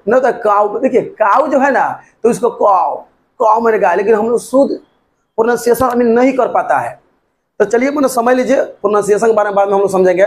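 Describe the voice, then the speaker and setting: A man's voice: high voice, a little mellow. A man teaching an English grammar lesson, repeating points and spelling words out letter by letter.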